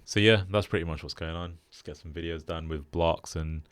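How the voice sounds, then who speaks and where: A young British man hosting a casual podcast chat, relaxed and flat in delivery with lots of fillers. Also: low-pitched, fairly quick, clean tone, no echo. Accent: British English. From Britain. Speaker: podcast host.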